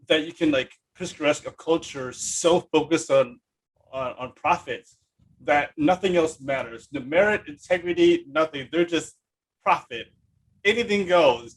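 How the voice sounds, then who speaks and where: A podcast host with a high-pitched male voice chats enthusiastically through a casual interview, rambling and often repeating himself for emphasis. The audio quality is poor.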